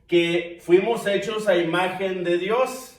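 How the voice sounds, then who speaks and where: A man's voice: high-pitched, fairly even intonation, slow. Man teaching a bible class in an echoey church. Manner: addresses listeners as brothers, asks questions of the class. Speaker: preacher. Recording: distant mic in echoey church room.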